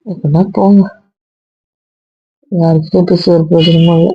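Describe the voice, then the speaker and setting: A woman's voice: on the low side, fairly even intonation, moderate pace, breathy edge, dry recording. A woman playing a hurt, defensive young wife. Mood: upset. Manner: upset, protesting, explaining at length. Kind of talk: amateur audio drama. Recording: dry, dull lo-fi audio.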